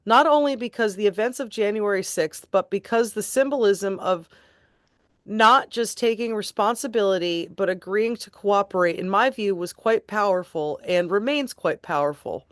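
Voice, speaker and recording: A woman reading court transcript passages aloud in a steady, deliberate way and adding her own remarks. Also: medium pitch, no echo, clean studio sound. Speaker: tribute band host reading court transcripts.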